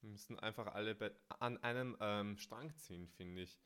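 A man's voice: fairly low pitch, moderate pace, fairly bright tone, smooth. A man hosting a conversation, asking empathetic, questioning follow-ups. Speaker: host. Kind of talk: conversational interview.

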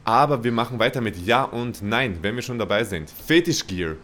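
A man's voice: mid-range voice, lively intonation, moderate pace, a bit bright. A man hosting a podcast in casual chat, teasing his guest with laid-back banter. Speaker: podcast host. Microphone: own microphone.

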